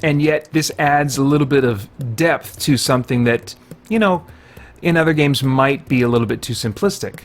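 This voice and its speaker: A man reviews a video game at a normal speaking speed in a mid-range voice. He plays as he talks, keeping it informal and conversational, musing aloud with the occasional mild slang exclamation.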